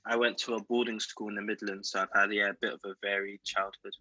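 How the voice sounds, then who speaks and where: Bright, forceful South London man. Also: on the low side, little pitch movement, quick pace, dry recording, low-quality recording. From South London, England. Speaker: podcast guest. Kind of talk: casual interview chat.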